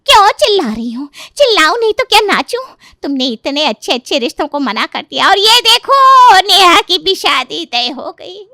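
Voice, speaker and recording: A woman voicing an anxious middle-aged mother who nags and shouts at her daughter in a cartoon story. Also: mid-range voice, lively intonation, normal speed, dry recording, clean studio sound. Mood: angry scolding. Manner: loud, shouting, nagging. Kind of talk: cartoon voice acting.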